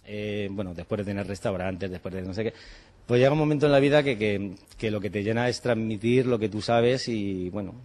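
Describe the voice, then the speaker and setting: A man's voice: fairly low pitch, steady tone, fairly quick, a little mellow. A man in his forties from Spain, a chef and cooking teacher, talking casually and animatedly, acting out bits of dialogue and swearing in passing. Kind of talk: casual interview talk.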